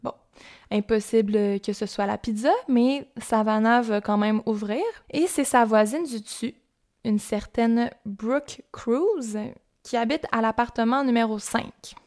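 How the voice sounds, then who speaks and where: A woman's voice: fairly high pitch, a little slow, darkish tone. A young woman with a Québécois accent casually telling a true-crime story on a podcast, chatty and informal with asides. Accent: Québécois French.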